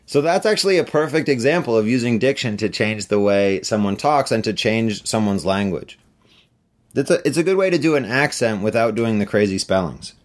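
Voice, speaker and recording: A middle-aged man, an author, answering interview questions in a relaxed, chatty way with many fillers. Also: on the low side, fairly quick. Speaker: author on book tour.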